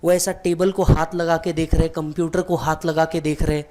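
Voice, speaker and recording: A man's voice: a little high, flat delivery, normal speed, warm tone. A man who teaches exam students, telling a vivid motivational story and speaking directly to the listener.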